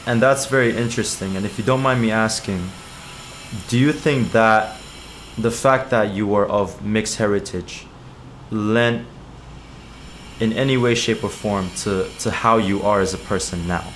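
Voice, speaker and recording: A man's voice: on the low side, steady tone, measured pace, fairly bright tone, a little hiss or hum. A man from Malaysia, hosting a podcast and asking careful, polite questions. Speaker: podcast host. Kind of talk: casual interview.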